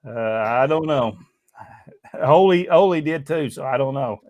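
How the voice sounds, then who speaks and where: A man's voice: mid-range voice, lively intonation, measured pace, a little mellow, lo-fi sound. An older man with a drawl spins rambling, folksy stories, leaning on plenty of "uh"s as he goes. His voice is captured up close and dry, with no room echo at all. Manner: folksy storytelling with frequent uh fillers. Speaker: podcast host reading viewer questions. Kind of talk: casual chat.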